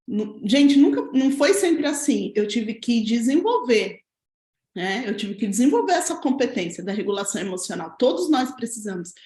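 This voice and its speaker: High-pitched woman explaining parenting. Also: roomy sound. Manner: explanatory, frequent tag questions. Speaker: parenting educator. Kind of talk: talking-head parenting lesson. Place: at home.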